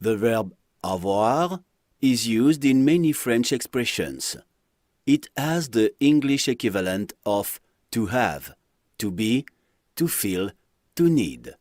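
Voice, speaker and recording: A man's voice: medium pitch, sing-song, takes it slowly, a little mellow, no room sound, studio quality. A man narrating a French lesson, reading example phrases aloud with careful pronunciation. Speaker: French teacher. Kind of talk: slow scripted lesson narration.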